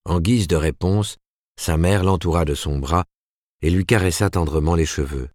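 A man narrating a novel as an audiobook in a measured, even storytelling manner. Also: sits low, no echo, clean studio sound.

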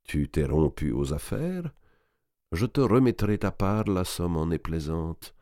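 Man as an old banker uncle, slow and calm, low voice, audiobook. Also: dry recording, studio quality. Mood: fatherly. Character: old Italian banker uncle, shrewd and fatherly.

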